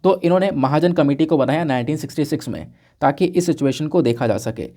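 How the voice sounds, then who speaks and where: Male current-affairs tutor, slightly high pitch, mellow tone, asks and answers his own questions, checks in with listeners. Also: expressive, brisk. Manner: conversational, poses questions to the viewer then answers them; repeats points and checks with "ठीक है ना?". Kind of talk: explanatory exam-prep lesson.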